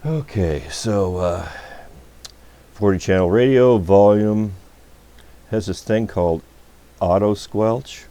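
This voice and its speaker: Taking it slowly with long pauses, a man with a low, dark-toned voice improvises a radio repair demo at an electronics workbench, thinking aloud. The recording is noisy, with a steady electrical hum.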